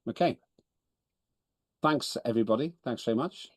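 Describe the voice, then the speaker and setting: Over a video call, a man whose first language is Estonian runs an online parliamentary meeting in a businesslike manner, frequently self-correcting with a dry wit. He speaks at a normal speed in a mid-range voice, with no room sound.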